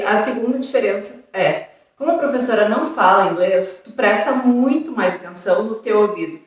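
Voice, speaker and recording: Echoey chatty southern Brazilian woman. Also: mid-range voice. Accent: southern Brazilian Portuguese. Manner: chatty, frequent tag questions and fillers. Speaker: vlogger on an exchange program. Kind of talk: casual chat. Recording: very echoey room, far from mic.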